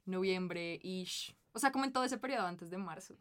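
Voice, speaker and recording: A young woman, telling a story in animated, slangy casual chat. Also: fairly low pitch, moderate pace.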